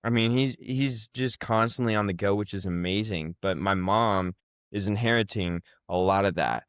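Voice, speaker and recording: A man's voice: lowish voice, moderate pace, smooth, dry recording, studio quality. A young man in his twenties telling casual, rambling stories as a podcast co-host, with plenty of fillers. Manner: rambling storytelling with many fillers. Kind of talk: casual chat.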